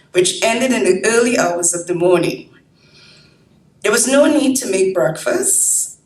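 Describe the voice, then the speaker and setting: A woman reading her own story aloud in a university library, slow and measured, heard from a distance in a roomy hall. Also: on the low side. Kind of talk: literary reading.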